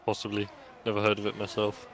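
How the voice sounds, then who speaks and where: A man co-commentating a sim race in a relaxed, giggly way, reading gaps and positions. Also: lowish voice, fast, crowd noise. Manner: giggly, easygoing, bright delivery.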